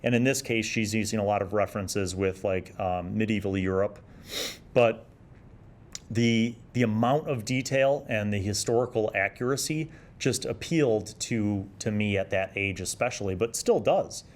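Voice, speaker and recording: This man has a fairly low voice and keeps a moderate pace. He's hosting a retro gaming review, rambling casually and thinking out loud as he comments.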